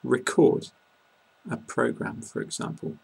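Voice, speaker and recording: A man with a British English accent giving a slow, careful pronunciation lesson, saying each word deliberately. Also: medium pitch, level tone, gravelly, husky, low-quality recording. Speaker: English teacher.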